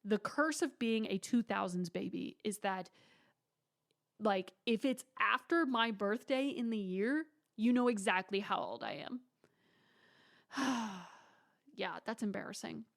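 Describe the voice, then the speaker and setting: A woman's voice: medium pitch, measured pace, gravelly. A woman in her twenties hosting her own podcast, chatting casually and dramatically with playful asides and mock whispers. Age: 20s. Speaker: podcast host. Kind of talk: casual solo podcast chat.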